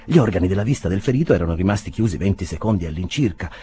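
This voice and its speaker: Deep, expressive male audiobook reader. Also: rapid-fire. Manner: expressive, lively storytelling. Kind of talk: audiobook narration.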